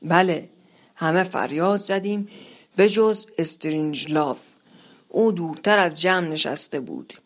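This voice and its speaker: Measured first-person storyteller. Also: medium pitch. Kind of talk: literary story reading.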